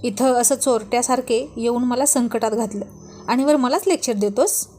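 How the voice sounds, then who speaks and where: A woman voicing a panicky, quick-tempered young wife who scolds and pleads with her husband. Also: a little high, a little mellow, slight background noise, natural voice. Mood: flustered scolding.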